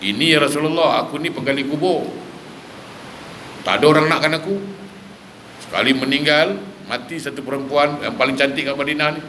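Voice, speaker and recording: A man's voice: a little high, fairly quick, long pauses, sharp tone, a little hiss or hum. A man voicing a weeping, remorseful young gravedigger. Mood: pleading.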